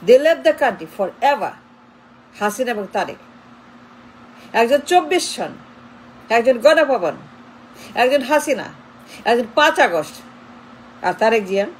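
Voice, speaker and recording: A woman's voice: fairly high pitch, a little hiss or hum, rough recording. A woman giving a political commentary monologue, emphatic and insistent, driving her points home with repeated rhetorical questions.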